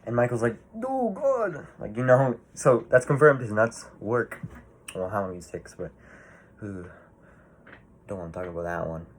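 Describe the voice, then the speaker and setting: Male movie reviewer, low voice, casual rambling delivery, swears often. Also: steady tone, moderate pace, pauses often, slight background noise. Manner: rambling, swears freely, many fillers and restarts.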